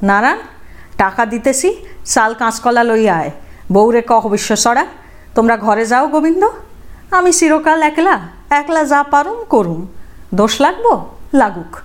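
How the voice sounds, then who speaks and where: Woman reader as a quiet, firm widow, clear diction. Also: on the high side, unhurried, pauses often, natural voice.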